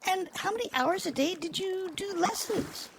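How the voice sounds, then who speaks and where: A man's voice: extremely high pitch, moderate pace, background noise, voice pushed up. A man voicing a polite, curious young girl who asks earnest questions.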